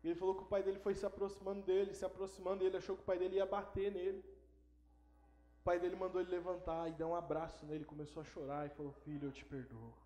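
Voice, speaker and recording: A man's voice: high-pitched, level tone, rapid-fire, warm tone, lo-fi sound. A male pastor giving an emphatic sermon in church, driving points home by repeating words. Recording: echoey church hall.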